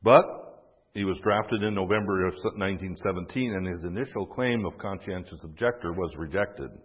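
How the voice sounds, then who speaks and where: A man with a low, husky voice tells a history story casually, with fillers and wry asides. The recording sounds dull and echoey, as if in a hall. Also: normal speed.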